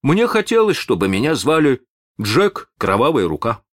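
A man voicing an earnest young boy in an audiobook, his pitch raised high. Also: sing-song, moderate pace, no room sound, clean studio sound, lightly acted. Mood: eager. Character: earnest young boy, brave but hesitant.

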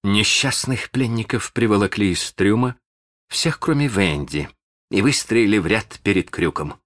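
Low-voiced guy reading a kids' story, lively intonation, dry close sound. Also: no room sound. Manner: expressive, playful asides to the listener. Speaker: audiobook narrator. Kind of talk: scripted storybook narration.

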